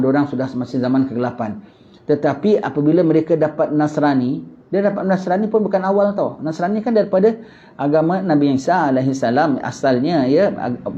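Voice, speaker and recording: A man with a Singaporean Malay accent giving a religious lecture, animated, asking rhetorical questions and repeating phrases. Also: a little high, lo-fi sound. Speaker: religious teacher.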